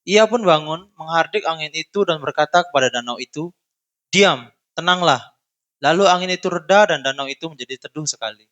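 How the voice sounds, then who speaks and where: A man reading a Bible passage aloud in a slow, measured way. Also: fairly high pitch, expressive, fairly bright tone, lo-fi sound. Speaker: scripture reader.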